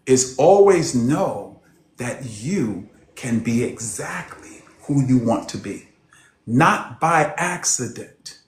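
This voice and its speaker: A man coaching a group on a video call, preaching emphatically and swinging between loud and soft. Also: fairly high pitch. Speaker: personal development coach. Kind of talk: motivational group coaching session. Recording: roomy echo on a call.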